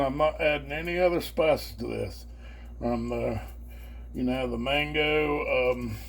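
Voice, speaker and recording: Male home-cooking host, folksy and colloquial, slow delivery with some fry, casual demo style. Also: mid-range voice. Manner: folksy, colloquial, with y'all and homespun phrases. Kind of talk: casual hands-on cooking demonstration chat. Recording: faint background noise and hum.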